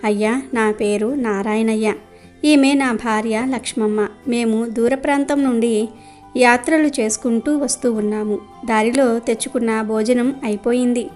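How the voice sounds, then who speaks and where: A woman's voice: on the high side, steady tone, a little slow, darkish tone, soft background music, close to an everyday voice. A woman voicing a humble old male pilgrim. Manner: humble, polite.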